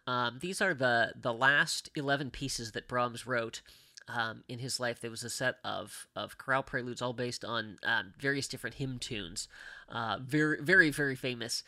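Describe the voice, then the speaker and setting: Bright-voiced hesitant organist from Pittsburgh. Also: male voice, mid-range voice, moderate pace. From Pittsburgh, USA. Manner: hesitant, many fillers and restarts, laughs often. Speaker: organist guest. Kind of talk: casual podcast conversation.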